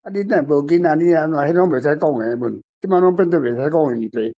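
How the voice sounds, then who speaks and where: Talking fast in a high voice, an older guest author with a Taiwanese accent fields questions in an unscripted literary discussion. He rambles plainly and emphatically and repeats himself, heard through dull audio.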